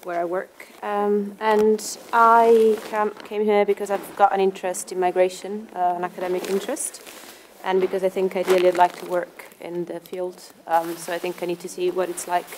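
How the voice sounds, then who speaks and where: A woman's voice: on the low side, level tone, moderate pace, darkish tone, slight background noise, rough recording. A woman volunteer speaking thoughtfully in an interview in a large warehouse.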